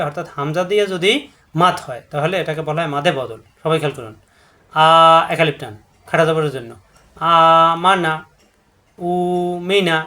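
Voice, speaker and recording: A man gives a step-by-step Quran recitation lesson. He repeats each rule patiently and draws out example syllables to show their length. His voice sits somewhat high for a man. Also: a bit bright. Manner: patient, repetitive, drawing out syllables to demonstrate.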